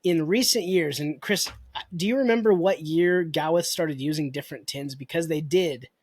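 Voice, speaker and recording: A man's voice: on the high side, normal speed, a little mellow, dry recording. A man co-hosting a podcast in casual chat, easygoing and reassuring, asking his co-host questions.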